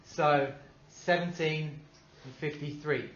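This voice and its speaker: An upbeat male teacher running a classroom lesson, quizzing the class and praising their answers. His voice sits a little high for a man. It is recorded in an echoey room, with a dull, slightly muffled sound and faint noise behind. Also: fairly even intonation, slow, fairly bright tone.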